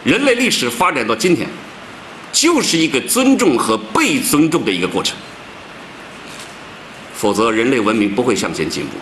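A man's voice: big pitch swings, normal speed, pauses often, a bit bright, a little hiss or hum, low-quality recording. A man giving a public lecture, stressing his words with big rises and drops. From China. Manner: emphatic, swings pitch widely for stress.

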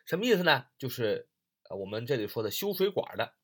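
A man from northern China, working as an English teacher, gives a recorded English reading lesson. He is very animated and a bit bright, his pitch rising and falling a great deal as he repeats each phrase and slowly spells out the words. Between explanations he fills the pauses with short particles.

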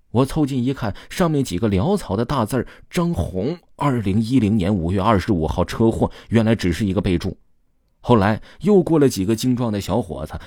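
Male audiobook narrator, sorrowful storytelling read with rolled erhua endings, warm dark tone, lively pitch. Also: no echo, clean studio sound. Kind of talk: first-person story narration.

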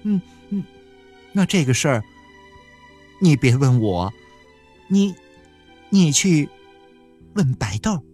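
Man reading as anxious young widow, stammering, husky, slow, storybook. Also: fairly high pitch, sing-song, darkish tone, faint music behind, exaggerated voice. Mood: fretful.

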